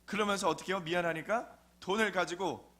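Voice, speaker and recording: A man delivers a sermon in a lively, chatty storytelling manner and keeps tossing questions at his listeners. His voice sits high for a man, with a bright, forceful edge to it. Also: a little fast. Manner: conversational storytelling, rhetorical questions. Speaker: pastor.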